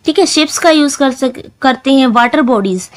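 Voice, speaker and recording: A woman teacher, explaining a textbook lesson and reading lines slowly before explaining them in Hindi. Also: high voice, animated, poor audio.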